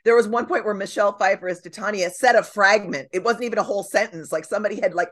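A woman on a podcast as a guest and dramaturg, telling lively stories about stage and film. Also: mid-range voice, fast talker. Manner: animated storyteller, acts out quotes. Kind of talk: casual chat.

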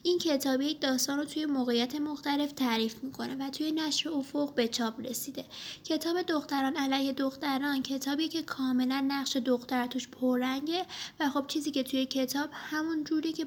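A woman's voice: high voice, steady tone, a little hiss or hum. A woman on a podcast chatting casually and giving book details in a matter-of-fact way. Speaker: podcast co-host. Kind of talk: casual chat.

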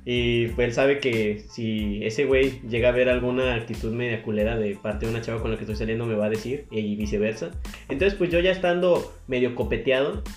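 A man's voice: medium pitch, fairly quick. A young man with a Mexican accent, telling a story in casual, slangy, laughing chat as a podcast co-host. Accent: Mexican Spanish. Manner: slangy, laughing, playfully theatrical. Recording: roomy echo, faint music.

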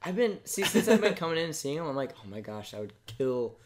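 A man's voice: on the high side, sing-song, a little fast, a crowd in the background. A man co-hosting a podcast, chatting in a laid-back way and laughing easily. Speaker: podcast co-host. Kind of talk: casual chat.

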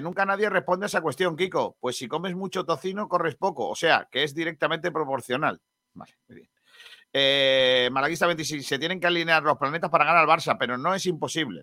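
A chatty male host with a bright, fairly high voice, joking as he reads out viewer messages in a dry studio. He sounds lively and informal, talking sports with his co-hosts. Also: no echo. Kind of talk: casual sports talk, reading live chat.

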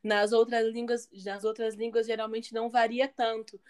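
A woman from Brazil who teaches languages, chatting casually on a podcast in a lively, talkative way. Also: on the high side, moderate pace. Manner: chatty, lively, often adds "né".

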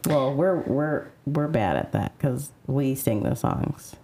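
A woman co-host in casual chat, blunt and quick to laugh. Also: extremely low pitch, warm tone, a little hiss or hum. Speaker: podcast co-host.

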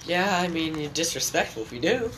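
A man's voice: fairly high pitch, animated, fairly quick, pushed and bright. A young man co-hosting a casual podcast chat, joking around and laughing often. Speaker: podcast co-host. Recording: noisy podcast recording.

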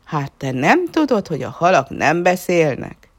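A woman's voice: sits low, very animated, breathy edge, no room sound, clean studio sound, full character voice. A woman voicing a mocking frog in a children's story, scornful and teasing. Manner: scornful, laughing. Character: mocking frog on a lily pad.

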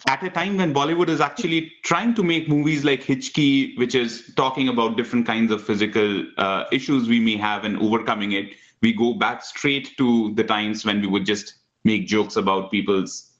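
A man with an Indian accent hosting a conversational film discussion in a wry, measured manner. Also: mid-range voice, steady tone, a bit bright, dull audio. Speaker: discussion host.

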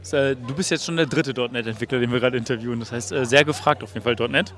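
A man's voice: medium pitch, very fast. Casual man interviewing outdoors, music faint. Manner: relaxed, filler-heavy questioning. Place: outdoors at a lakeside summer party.

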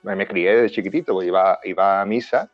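A man's voice: sits low, fairly quick, no echo. A man talks casually as a guest, agreeing easily and telling what moved him as a child. His voice sits in the usual male range and sounds dry and dull, with faint music behind. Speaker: guest in a talk show. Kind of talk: casual chat.

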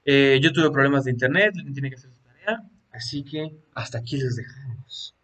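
A young man co-hosting a podcast, excitable and full of exclamations. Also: mid-range voice, a little fast. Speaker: podcast co-host. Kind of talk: casual chat. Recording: distant mic with music behind.

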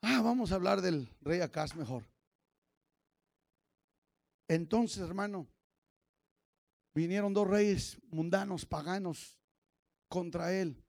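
Fiery high-pitched pastor. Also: male voice, slow, creaky, pauses often, no echo. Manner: fiery preaching that swings from shouts to quiet asides; calls on the congregation to repeat after him. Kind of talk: Sunday sermon.

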